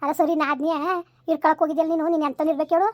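A woman's voice: high-pitched, flat delivery, very fast, dry recording, dull audio, lightly acted. A woman playing a furious village mother who scolds her son in a rural comedy skit, hurling repeated insults. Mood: scolding.

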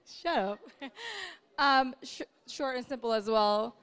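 A woman's voice: on the high side, slow, a bit bright, clear, resonant tone. A young woman giving a heartfelt wedding toast, offering advice and getting emotional.

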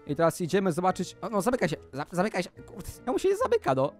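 A man giving let's-play commentary in a high voice that leaps all over the place. He is excitable and exclamatory, and he keeps turning to address his viewers directly. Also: fast talker, soft background music. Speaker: gaming video host.

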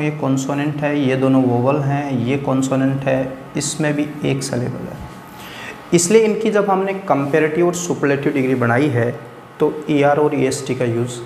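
A man's voice: on the high side, darkish tone. A man teaching English grammar in an exam-prep lecture, explaining step by step and often checking that students follow. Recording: echoey hall with faint hiss.

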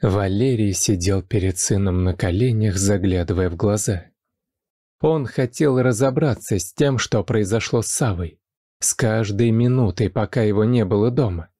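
A man narrating a scripted life story in a calm, even way, with a mellow, dry voice. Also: lowish voice, moderate pace, dry recording.

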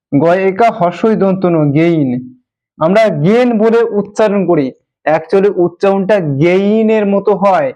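A man's voice: high voice, darkish tone, rough recording. A man teaching pronunciation to students in a patient classroom style, repeating each word and spelling it out letter by letter. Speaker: English teacher. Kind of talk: classroom lesson explaining pronunciation.

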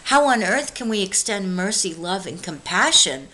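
A woman minister giving an earnest devotional message, pleading with listeners and slowing down on key words. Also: medium pitch, very animated, bright, forceful tone, rough recording. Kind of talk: devotional preaching.

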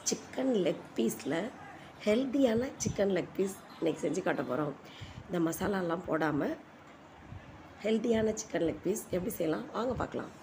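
A woman giving an informal recipe voice-over as a home cook, her voice hoarse and giving out. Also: medium pitch, expressive, normal speed, darkish tone. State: hoarse, voice giving out from a cold-weather strain. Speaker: home cooking video host. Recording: noisy home voice-over recording.

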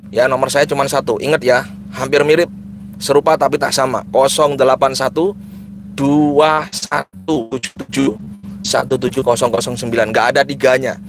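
A man's voice: medium pitch, slight background noise. A man, chatting casually on a live stream, repeating phrases and mixing in prayers. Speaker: live-streaming spiritual healer vlogger. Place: car at night.

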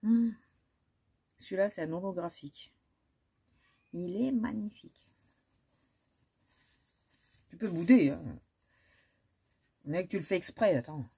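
A woman's voice: fairly low pitch, slow pace, vocal fry, pauses often, dark tone, breathy edge. A woman, chatting casually through a makeup haul with many fillers and restarts. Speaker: beauty vlogger. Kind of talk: casual haul chat with swatches.

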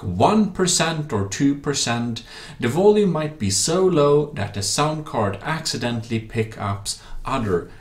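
Hosting a tech tutorial, a man with a low voice narrates in slightly awkward, non-native English, adding some off-the-cuff asides.

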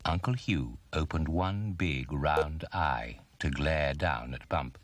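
A man narrating a children's storybook in an expressive, storytelling manner. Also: extremely low pitch, slow pace, no echo.

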